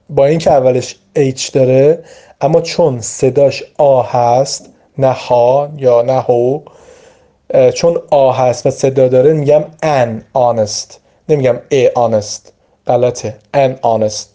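A man with a very dark, mellow voice gives an English vocabulary lesson. He explains patiently and drawls out each example word. His first language is Persian. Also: medium pitch. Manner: explains slowly, stretching out example words. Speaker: English teacher.

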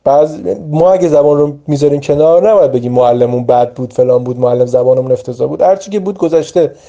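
Mellow-voiced man teaching vocabulary. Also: on the high side, highs cut off. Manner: slow, deliberate word-by-word pronunciation drills. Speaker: English teacher. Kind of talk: vocabulary lesson.

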